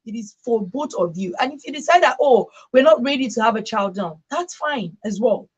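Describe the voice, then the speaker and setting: On lo-fi audio, a radio talk show host speaks fairly quickly in an expressive, slightly rough voice that sits on the high side. She presses her points emphatically, repeating phrases and tagging on "right?" to check agreement.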